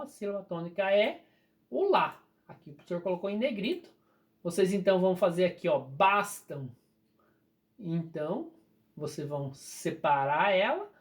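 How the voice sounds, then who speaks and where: A patient teacher, accented in Brazilian Portuguese, explains grammar in a recorded lesson. The key words come out slowly and deliberately, in a mid-range voice.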